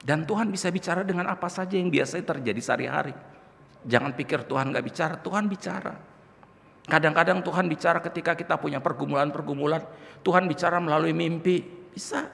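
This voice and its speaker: A man's voice: fairly high pitch, quick pace, vocal fry, a bit bright. A male pastor giving an emotional, storytelling sermon to his congregation in church. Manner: emotional storytelling, addresses congregation as brothers and sisters. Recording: long reverb of a church hall.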